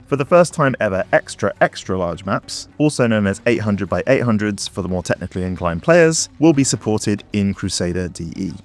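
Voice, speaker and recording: Low-voiced man narrating a game update. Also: lively intonation, brisk, few pauses. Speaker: developer presenter. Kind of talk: scripted promotional narration. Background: background music.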